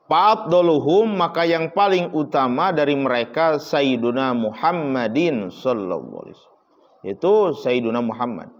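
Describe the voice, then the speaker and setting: A man giving a religious study lecture as a teacher, telling stories and acting out dialogue, swinging between loud lines and hushed asides. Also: mid-range voice, expressive, normal speed. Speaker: kitab teacher. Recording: dull lo-fi recording.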